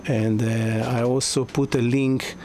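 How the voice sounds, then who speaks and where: Slow-talking man touring a sailboat. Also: mid-range voice, level tone. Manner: halting, many fillers and restarts. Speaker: yacht broker. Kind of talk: walkthrough tour. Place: inside a sailboat cabin. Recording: noisy ambience.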